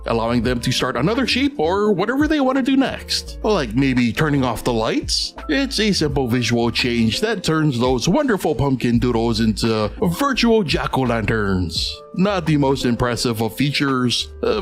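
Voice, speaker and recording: A man narrating a scripted dev diary as its host, conversational and self-deprecating, explaining things with casual asides. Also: fairly high pitch. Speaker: game developer and video host. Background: faint background music.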